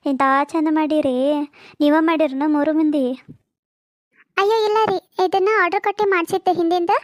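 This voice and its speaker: A woman's voice: very high-pitched, no echo, studio quality. A woman with a North Karnataka accent voicing chatty, homely village family talk for a cartoon comedy. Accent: North Karnataka Kannada. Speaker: cartoon voice artist.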